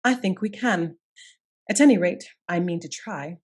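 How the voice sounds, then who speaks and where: A woman's voice: fairly low pitch, moderate pace, darkish tone, lightly acted. A woman playing a shrewd, assured lady detective in a period radio mystery, speaking formally and articulately as she sets out her case. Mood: brisk, assured. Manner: articulate, formal, methodical accusing delivery. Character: shrewd, composed lady detective of Scotland Yard, commanding and assured.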